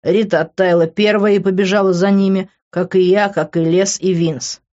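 A woman reading a first-person audiobook in a steady, expressive way. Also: medium pitch, normal speed, dull audio. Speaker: audiobook reader.

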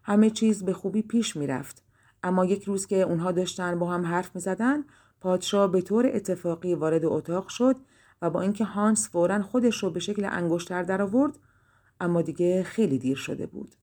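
A woman narrating a fairy-tale audiobook in a calm storytelling manner. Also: fairly low pitch.

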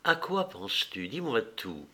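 A man's voice: sing-song, a little slow, bright, forceful tone, full character voice. A man reading a novel aloud and voicing an anxious, loving young fiancée in a raised, pleading voice. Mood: frightened. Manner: raised pitch, pleading and startled. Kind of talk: audiobook character voice.

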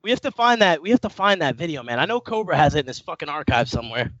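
Lively, profane man saying "bro". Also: a little high, quick pace, no echo, highs cut off. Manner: profane, laughing, calls people bro and man. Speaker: podcast co-host. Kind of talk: casual podcast chat.

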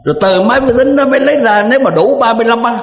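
A man's voice: extremely high pitch, rapid-fire, highs cut off. An older man, a Buddhist monk giving a rambling, folksy talk to an assembly. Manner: folksy, rambling, with repeated words. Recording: echoey hall recording.

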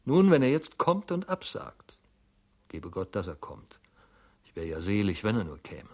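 A nervous, fretful clerk talking himself in circles, read aloud by a man with a low voice. He mutters, scolds himself and swings from sudden loud worry to near-whispers. The tone is that of a classic radio reading. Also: big pitch swings, a little slow. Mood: fretful musing. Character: anxious fretful male clerk, middle-aged, self-reproaching.

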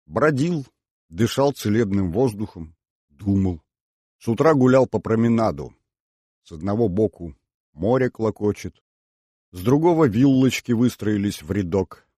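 A man reading an audiobook aloud in measured, scripted narration. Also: fairly low pitch, expressive, mellow, no room sound, clean studio sound.

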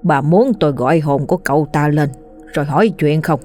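A woman puts on a self-assured village exorcist in a spoken ghost story, slow and measured. The voice stays low, with faint music behind. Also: mellow, lightly acted.

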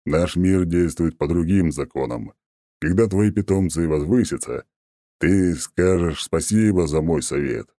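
A haughty ancient oak god speaks in a rumbling, extremely deep and dark voice, as a male narrator puts him on. He talks down with mocking condescension. The sound is dry and close. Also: expressive, measured pace, dry recording. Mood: smug, haughty.

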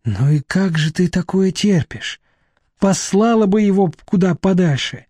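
A man's voice: high voice, lively intonation, measured pace, dark tone, no room sound, studio quality, voice pushed up. A man reading an audiobook, voicing a shrewd middle-aged woman who talks bluntly and sardonically. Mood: sardonic.

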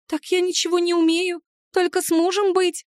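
A woman's voice: very high voice, flat delivery, normal speed, darkish tone, no echo, studio quality, pitched above the performer's own voice. A woman voicing a tearful, clingy female house spirit who pleads in a whiny voice. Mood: frightened.

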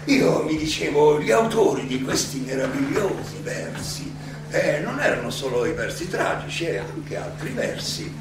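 An actor playing Socrates as a wry, probing philosopher defending himself, in a halting theatrical monologue with rhetorical pauses and repetitions. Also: male voice, on the high side, sing-song, music in the background. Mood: musing. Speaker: stage actor. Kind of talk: theatrical monologue addressed to an audience. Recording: echoey hall, distant mic, clear noise.

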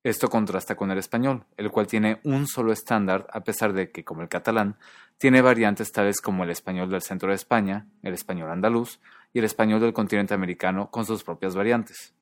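A man giving scripted educational narration, measured, slowing down to pronounce example words carefully. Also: on the low side, no room sound. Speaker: language lesson narrator.

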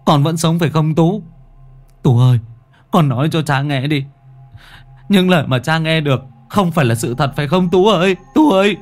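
A man voicing a grieving young father who pleads in loud cries in a storybook reading. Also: medium pitch, sing-song, moderate pace, pauses often, breathy edge, faint music behind. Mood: desperate.

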